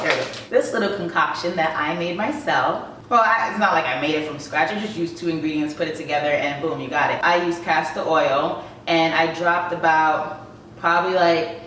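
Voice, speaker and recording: A woman vlogging in a chatty, fast-talking way, laughing at herself now and then, speaking to the camera. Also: deep voice, fairly bright tone, a little hiss or hum. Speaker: beauty vlogger. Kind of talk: casual talk to camera. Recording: echoey room, far from the mic.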